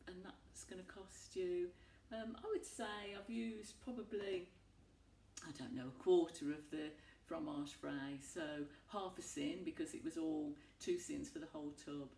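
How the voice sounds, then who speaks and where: Low, gravelly woman demonstrating recipes. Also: steady tone, measured pace, mellow, a little hiss or hum. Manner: homely, chatty asides to viewers. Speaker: home cooking demonstrator. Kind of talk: chatty cooking demonstration. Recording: echoey room, mic at a distance.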